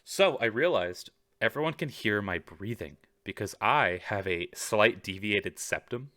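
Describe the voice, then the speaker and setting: Unhurried but animated, this podcast co-host talks in a lowish, sharp-toned voice. He joins over a video call microphone for a loose chat full of jokes and free swearing, with clean studio sound and no room noise.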